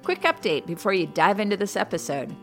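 A woman hosting a podcast, giving scripted narration in a measured, upbeat way. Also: medium pitch, sing-song. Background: soft guitar music.

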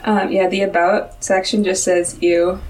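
A woman's voice: medium pitch, little pitch movement, unhurried, a little mellow, a little hiss or hum. A young woman hosting a podcast, chatting and recapping with friends in a giggly, talkative way. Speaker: podcast host. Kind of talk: casual chat. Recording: distant mic.

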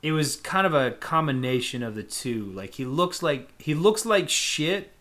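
A man's voice: a little high, expressive, normal speed, fairly bright tone. Rambling, laughing man chatting about movies. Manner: rambling, laughing, frequent fillers. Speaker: podcast co-host. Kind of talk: casual chat about movies.

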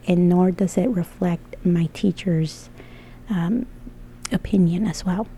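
Podcast host: woman, slow, breathy near-whisper, mellow low tone. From El Salvador. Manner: soft, often breathy half-whispered delivery; earnest and thankful. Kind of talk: solo podcast monologue.

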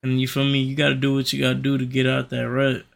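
A man's voice: mid-range voice, completely flat delivery, fast, vocal fry. A young man ranting casually in slangy, profane frat-bro talk, emphatic and repeating himself. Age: young adult. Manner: emphatic and repetitive.

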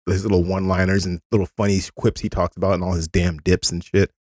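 Man host, deep voice, dry close sound, casual, swears, laughs a lot. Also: little pitch movement, fast, a little mellow, no echo. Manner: loose, profane, laughs a lot. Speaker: podcast host. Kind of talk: casual chat.

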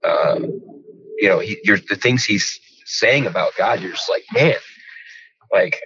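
Low-voiced enthusiastic man in his forties. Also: unhurried, sharp tone, husky, lo-fi sound. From rural Georgia, US. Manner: enthusiastic, loose and rambling, heavy on fillers like "you know" and "man". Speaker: pastor. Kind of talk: casual conversation.

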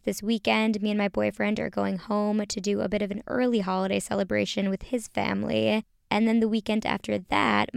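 A woman's voice: mid-range voice, creaky, clean tone, no echo, studio quality. A young woman hosting a casual solo podcast, chatting directly to her listeners, recorded in a small closet at home. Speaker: podcast host.

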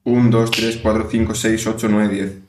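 A man's voice: on the low side, level tone, distant mic, noisy background. A man under hypnosis, answering in a drowsy, hesitant way. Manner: drowsy, hesitant, slow counting. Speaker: guest being hypnotized. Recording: roomy, off-mic.

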